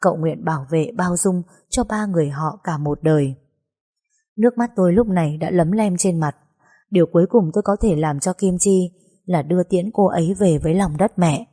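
A woman reading a first-person story aloud in a sorrowful, measured way. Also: on the low side, warm tone, breathy edge. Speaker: narrator.

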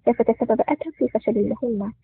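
A man's voice: very high voice, steady tone, racing, vocal fry, a little hiss or hum. A man voicing an impulsive male officer in a spoken story, astonished and hasty. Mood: startled. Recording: tinny phone-like sound.

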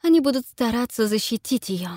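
A woman's voice: fairly high pitch, animated, fairly quick, a little mellow, no echo, pitched above the performer's own voice. Evil tree, commanding, barked orders; female reader. Audiobook, dry close mic. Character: commanding evil tree, ruler of winter creatures. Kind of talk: audiobook reading.

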